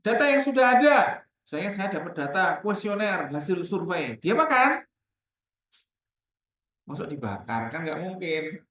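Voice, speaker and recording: A man teaching a class on academic writing in a lively lecturing manner. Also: sits high, measured pace, long pauses. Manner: lively, acts out dialogues in changing voices. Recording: very echoey classroom from far off.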